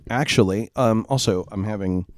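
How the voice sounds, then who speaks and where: Hosting a casual live gaming stream while stuffed up with a cold, this man rambles apologetically, full of fillers and restarts. His lowish voice moves at a normal speed. Recorded on a home streaming mic, the audio is dry and clean like a studio.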